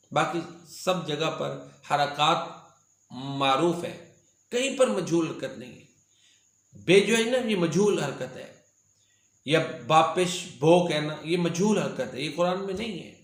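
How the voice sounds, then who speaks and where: A man gives a religious lesson on recitation, his voice pitched a little high. He explains earnestly and repeats example words slowly, recorded in an echoey room. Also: fairly bright tone. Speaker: Quran teacher. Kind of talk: religious lecture.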